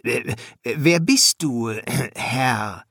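A man's voice: medium pitch, lively intonation, extremely slow, creaky, fairly bright tone, slightly rough, no room sound, clean studio sound, exaggerated voice. A man voicing a young pharaoh who is curious, impatient and used to giving commands. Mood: commanding. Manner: commanding, questioning.

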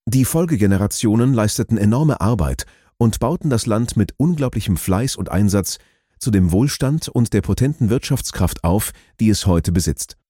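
A man narrates a documentary in a measured, explanatory voice that rises and falls in lively swings. His tone is mellow and warm, on the low side, and the recording is close and dry. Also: breathy edge, no echo.

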